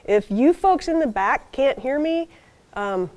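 This soft-spoken older woman speaks at a high pitch with lively intonation and a measured pace. Giving a guest seminar lecture from a podium in a university hall, she explains things patiently and keeps checking in with frequent okays and ums.

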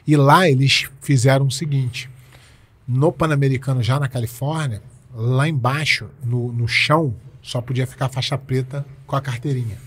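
A man's voice: medium pitch, steady tone, normal speed, slightly rough. A Brazilian man in his forties, a jiu-jitsu coach telling stories in a casual interview, emphatic and repeating his points with slangy speech. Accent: Brazilian Portuguese.

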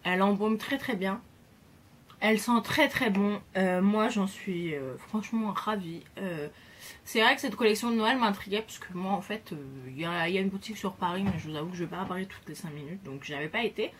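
Young female beauty vlogger, chatty and bubbly, mid pitch, pauses a lot mid-sentence, recorded at home. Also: a little hiss or hum. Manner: chatty and enthusiastic, hesitant pauses. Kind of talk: casual gift haul chat.

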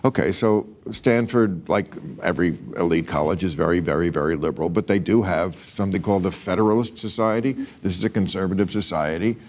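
A man's voice: deep voice, fairly quick, few pauses, a little mellow. A man hosting a panel discussion, emphatic and argumentative. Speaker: talk show host.

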